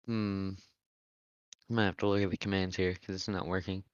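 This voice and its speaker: A young man calls an online motocross race in a relaxed, chatty way, thinking aloud and laughing now and then. His voice sits a little low and sounds smooth and clear. The recording is dry and a bit dull, like a lo-fi close mic. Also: moderate pace, no echo. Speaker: race commentator and server admin. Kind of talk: casual live race commentary.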